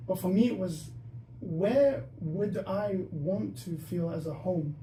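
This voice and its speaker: The young host's high-pitched voice is mellow, and he takes it slowly while casually talking through his thoughts on a podcast, in bursts with frequent restarts. Dutch is not his first language. Faint noise, an echoey room and a distant mic mark the recording.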